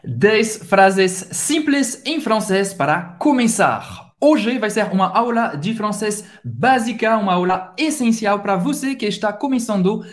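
A man who speaks with a French accent, a native French speaker hosting a podcast lesson and slowly repeating words for learners to drill. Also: sits high, sing-song, soft background music. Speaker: podcast host and French teacher.

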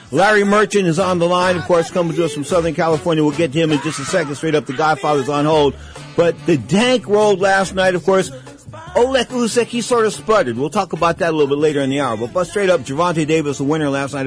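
Higher-voiced male radio host with showman's delivery. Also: fast talker, soft background music. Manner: showman's delivery, slangy and emphatic. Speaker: radio talk show host. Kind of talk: sports talk radio patter. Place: radio studio.

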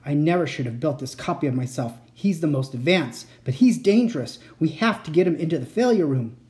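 A man voicing an angry male inventor who shouts accusations and orders, in a high, strained voice. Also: animated, brisk, close to an everyday voice. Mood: urgent. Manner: shrill, accusing, commanding. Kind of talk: audiobook character voice.

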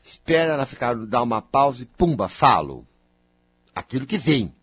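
A Brazilian man with a husky, breathy voice talks in a lively, swooping pitch, jumping from near-shouts to soft low asides. He is emphatic, teasing and scolding, and he speaks straight at the listener. The sound is dry and close. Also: normal speed, no echo. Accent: Brazilian Portuguese. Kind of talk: animated spontaneous monologue.

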